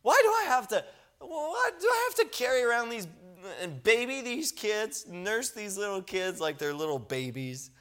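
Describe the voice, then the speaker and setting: A man's voice: sits high, sing-song, moderate pace, a bit bright, pitched above the performer's own voice. A man playing a fed-up weary leader. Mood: exasperated. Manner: complaining, sarcastic. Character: weary exasperated male leader fed up with his people.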